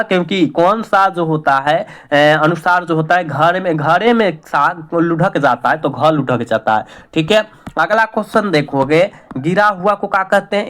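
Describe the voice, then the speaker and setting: A man's voice: high voice, fairly bright tone. A man with a Bihari accent running an exam revision lesson, repeating each question and coaxing his students along as a teacher.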